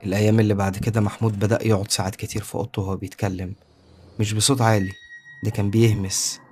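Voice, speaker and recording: A man with an Egyptian accent narrates a scripted horror story in a hushed, suspenseful way. His voice sits low and the telling moves quickly. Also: level tone, slight background noise. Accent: Egyptian Arabic.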